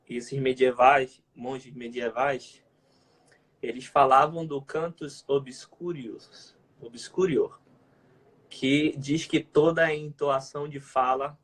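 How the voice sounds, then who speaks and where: A man with a Brazilian Portuguese accent co-hosts a casual video-call chat, explaining liturgical music in a measured, teacherly way as a liturgical music educator. His voice is a little high and a bit bright.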